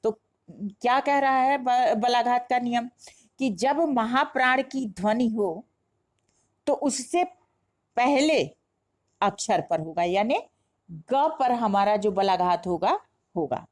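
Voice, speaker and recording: A woman's voice: on the high side, expressive, takes it slowly, long pauses. A woman teaching a grammar lesson, explaining step by step and asking herself questions before answering them. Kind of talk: classroom-style lesson explanation.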